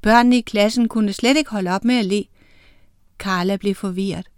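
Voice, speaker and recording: Woman reading a kids' story aloud, medium pitch, dry close sound. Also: clean tone, no echo. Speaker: narrator.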